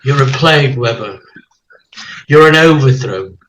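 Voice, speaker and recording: A man acts out a menacing interrogator from a stage play, hectoring like a tough cop. He speaks slowly and deliberately with big swings in pitch. The recording is clearly noisy. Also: animated, close to an everyday voice. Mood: cold menace. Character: menacing male interrogator, relentless tough bully. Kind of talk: amateur dramatic play reading.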